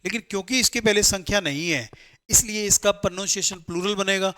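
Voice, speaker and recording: A man gives a classroom grammar lecture and pitches his voice slightly high. He poses questions to the class and answers them himself, mixing with English terms as he works through each rule. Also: a little fast, sharp tone. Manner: explains step by step, asks and answers his own questions; mixes Hindi with English terms. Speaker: English teacher for competitive exams.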